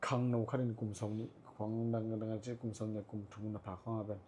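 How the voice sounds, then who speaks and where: A man who founded a community group, answering interview questions in a relaxed, matter-of-fact way. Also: fairly low pitch, fast talker, a little hiss or hum. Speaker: podcast guest, community founder.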